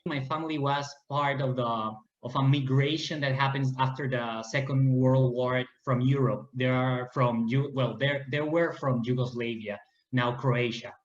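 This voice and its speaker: A man's voice: mid-range voice, steady tone, normal speed. A Peruvian man in his thirties, a native Spanish speaker, talking earnestly about his life as a guest in a casual interview, often restarting and searching for words. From Peru. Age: 30s. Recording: roomy, dull lo-fi audio.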